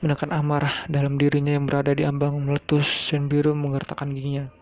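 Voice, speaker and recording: Guy reading a web novel out loud, super flat, gravelly, muffled lo-fi sound. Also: a little high, fast, faint music behind. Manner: monotone reading with small slips. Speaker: audiobook narrator. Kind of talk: reading a translated novel aloud. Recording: dull lo-fi recording.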